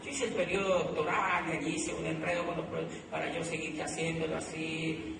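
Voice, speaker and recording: A middle-aged man with a Colombian accent giving an animated motivational talk to an audience, telling his story with many repeated phrases. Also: a little high, brisk, creaky, noisy background. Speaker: motivational speaker. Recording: echoey hall recorded from far off.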